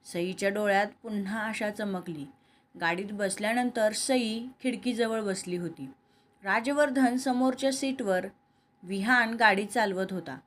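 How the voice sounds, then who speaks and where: A woman reads a romantic serial story aloud, scripted narration with dialogue, and voices every character in her own voice. She speaks at a measured pace with medium pitch.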